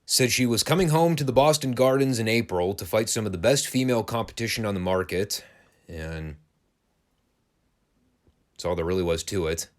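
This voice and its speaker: A man's voice: on the low side, lively intonation, moderate pace, pauses often. A man hosting a wrestling podcast, giving a casual, sarcastic and crude play-by-play review of an old broadcast. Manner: sarcastic, crude, dry humor.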